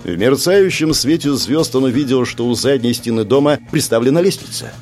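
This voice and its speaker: A man narrating a novel in a dramatic, expressive reading style. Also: mid-range voice, fairly quick, soft background music. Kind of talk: audiobook narration.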